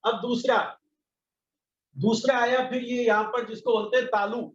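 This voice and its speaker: A man teaching a patient pronunciation lesson, sounding out each syllable slowly. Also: very high-pitched, flat delivery. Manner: slow, patient, demonstrates each sound aloud. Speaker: Sanskrit teacher. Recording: echoey, slightly dull recording.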